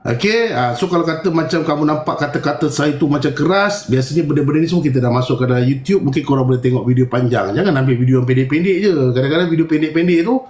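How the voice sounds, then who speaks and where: Malaysian-accented man, fairly high voice, casual live-stream chat, blunt, firm, echoey room. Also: fast talker, few pauses, a little mellow. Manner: blunt and self-described firm, mimics people. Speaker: live-stream host sharing experiences.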